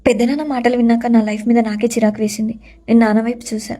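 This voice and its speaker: A woman's voice: fairly high pitch, level tone, fast, dark tone. Young woman telling a sorrowful story. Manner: earnest, sorrowful recounting. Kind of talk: first-person story narration.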